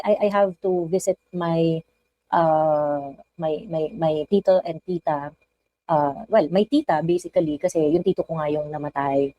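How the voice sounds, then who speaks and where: A woman's voice: fairly low pitch, dark tone, no room sound, low-quality recording. A woman with a Filipino accent hosting a casual live stream, chatting and reading viewer comments aloud.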